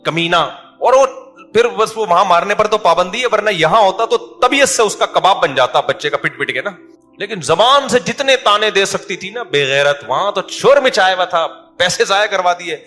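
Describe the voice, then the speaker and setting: A man preaching a sermon with a crisp, bright tone. He talks in a lively way, slipping into voices for the people in his stories. His voice sits a little high, and faint music plays underneath. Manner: lively, acting out voices in anecdotes.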